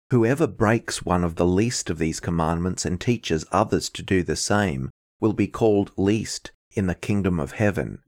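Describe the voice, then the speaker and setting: A man reading the Gospel as a minister in a measured, formal, liturgical style. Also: sits low, darkish tone.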